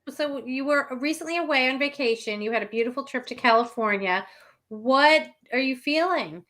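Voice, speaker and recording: A woman's voice: high voice, normal speed, sharp tone. A woman co-hosting a live show as a meditation facilitator, chatting casually.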